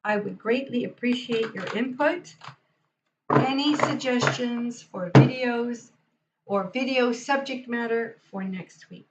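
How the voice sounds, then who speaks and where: A woman's voice: on the high side, slow, heavy background noise. Chatty woman reading tarot live. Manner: chatty, enthusiastic, talks to viewers. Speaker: tarot reader and livestream host. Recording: dull lo-fi sound.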